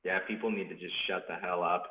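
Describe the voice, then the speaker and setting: Male podcast host, lowish voice, easygoing, heard over a thin phone-like line in a roomy space. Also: fairly even intonation. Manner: easygoing, agreeable, quick to laugh along. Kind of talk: casual chat. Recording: tinny phone-like sound in an echoey room.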